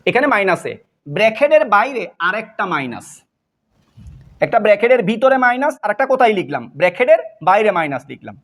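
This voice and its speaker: Man teaching math step by step. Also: high-pitched. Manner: explains step by step, asking and answering own questions. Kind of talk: whiteboard math lesson.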